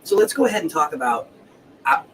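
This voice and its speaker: The man hosting this casual livestream has a high-ish, fairly bright voice with big pitch swings and a quick pace. He has the hiccups, rambles, corrects himself, and swears from time to time. A distant mic captures him along with faint background noise.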